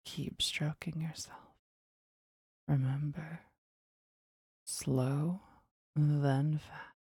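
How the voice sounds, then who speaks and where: A woman speaking in a soft, teasing and commanding whisper for an intimate ASMR roleplay. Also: low voice, gravelly, husky, no room sound.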